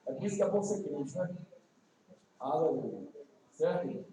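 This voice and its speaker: A high-pitched, mellow-voiced man in his fifties from Ceará, with a Northeastern Brazilian accent, preaching in a church. He mixes folksy, joking asides with slow, emphatic pronouncements. The sound is very echoey and picked up from far off. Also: expressive, a little hiss or hum. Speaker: guest preacher. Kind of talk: evangelistic sermon. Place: church sanctuary. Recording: echoey distant church livestream.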